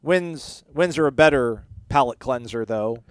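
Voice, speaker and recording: A man's voice: medium pitch, measured pace, no echo, clean studio sound. A man co-hosting a casual sports podcast, conversational and loose. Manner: conversational, loose, many fillers.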